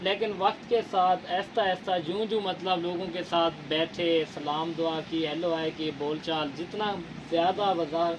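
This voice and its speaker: A man's voice: on the high side, fairly even intonation, moderate pace, few pauses, noisy background. A man from Punjab, Pakistan hosting an interview in a casual chat, speaking in an earnest, lecturing way with formal words and many fillers. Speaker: interviewer, channel host.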